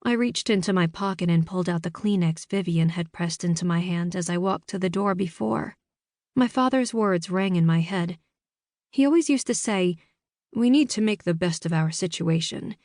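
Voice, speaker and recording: Woman reading an audiobook in first person, measured and steady, studio mic. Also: on the low side, dry recording. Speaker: audiobook narrator. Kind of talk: first-person scripted narration.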